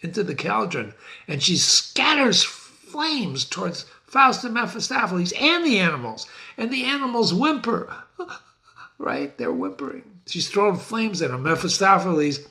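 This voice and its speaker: Slow, animated man reading a play. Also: high voice, creaky. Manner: casual asides to the listener. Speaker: reader.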